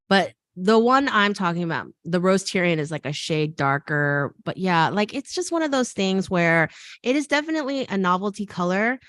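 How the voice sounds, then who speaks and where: A woman whose first language is Korean, speaking with an American accent, hosts a casual fashion interview over a video call, chatting, laughing, and slipping into asides like the fashion design teacher she is. Her voice sits on the low side with a fairly bright, sing-song tone at a normal speed. The sound is clean studio quality with no echo.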